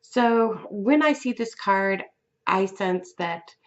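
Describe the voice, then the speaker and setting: Slow, gentle woman reading tarot. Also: medium pitch, expressive, lo-fi sound. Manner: slow, gentle, with fillers and restarts. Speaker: tarot reader.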